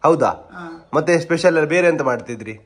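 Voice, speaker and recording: A man's voice: on the high side, animated. Teasing young man. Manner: teasing, rapid questioning, laughing. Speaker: vlogger interviewing family members. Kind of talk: playful teasing family vlog chat.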